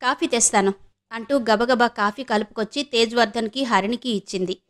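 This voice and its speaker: Woman, audiobook narrator, steady storytelling, fairly high voice. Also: a little fast.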